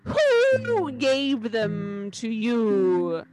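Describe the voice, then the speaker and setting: A woman voicing a cruel, imperious witch queen in a storybook reading, slow and menacing. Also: a little high, huge pitch swings, heavily acted. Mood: furious.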